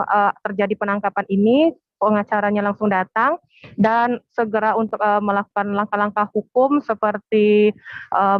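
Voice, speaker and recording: Female field reporter on a phone line, mid-pitched and hesitant, with faint music under a tinny, dry connection. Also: no room sound. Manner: hesitant, many "eh" fillers.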